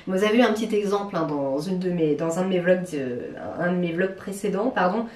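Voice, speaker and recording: A woman's voice: fairly low pitch, expressive, moderate pace, darkish tone. A woman from France chatting casually to camera about her houseplants, hesitant, with many fillers and restarts, recorded at home in her living room. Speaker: plant vlogger. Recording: roomy, from a distance.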